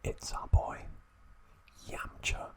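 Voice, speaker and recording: In a slow, deliberate whisper, this man narrates as an ASMR host right up against the mic. Each short phrase is hushed, breathy, and unvoiced.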